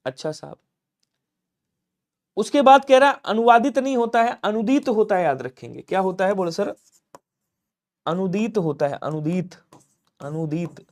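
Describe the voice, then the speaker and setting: A man from Lucknow, India, teaching a live online exam-prep class. He asks questions and answers them himself, and keeps urging viewers to comment quickly. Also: high-pitched, expressive, darkish tone. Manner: drills answers by asking and answering his own questions. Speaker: Hindi teacher.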